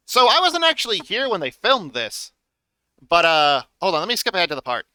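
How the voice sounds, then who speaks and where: Animated high-pitched bright male streamer. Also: a little fast, clean tone, no echo. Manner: animated, exclamatory, emphatic repetition. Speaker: streamer reacting to a video. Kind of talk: casual reaction commentary.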